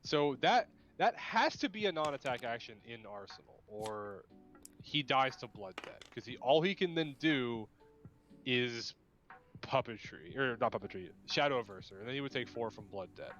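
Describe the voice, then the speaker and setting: A young man doing chatty, excitable commentary on a card game match, laughing often. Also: mid-range voice, moderate pace, lo-fi sound, soft background music.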